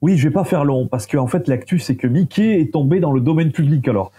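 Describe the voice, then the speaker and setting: A man co-hosting a casual chat about films and TV, relaxed and a little hesitant. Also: on the high side, a little fast, breathy edge. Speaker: co-host.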